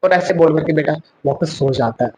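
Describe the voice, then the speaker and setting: A man's voice: a little high, a little fast, darkish tone, rough recording. A man teaching, telling a moral story in an earnest way with rhetorical questions. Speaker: English teacher giving a moral talk.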